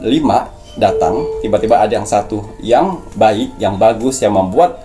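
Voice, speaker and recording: A man's voice: lowish voice, animated, moderate pace, warm tone, faint music behind. A man speaking as a spiritual medium, giving preachy mystical advice and coaching his listeners. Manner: preachy, coaching tone, addresses viewers as "sayang".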